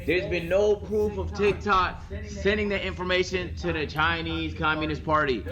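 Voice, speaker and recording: A male streamer with a higher-than-usual voice talks casually to his chat, full of slang, swearing and exclamation. The sound is a little dull, with other voices audible behind him. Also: steady tone, moderate pace, crowd noise. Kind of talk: casual reaction commentary to a chat.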